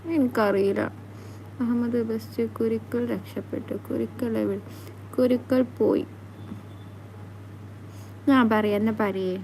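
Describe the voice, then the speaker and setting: A woman's voice: on the high side, fairly even intonation, a little mellow, slight background noise. Playful woman chatting on a live stream. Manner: playful, teasing, quick back-and-forth. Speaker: vlogger reading live comments. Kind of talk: casual live-stream chat.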